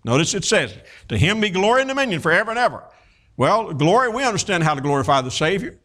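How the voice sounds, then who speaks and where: A man in his fifties delivers a sermon in a folksy, animated way, telling stories full of fillers and restarts. His voice is high-pitched and he talks fast.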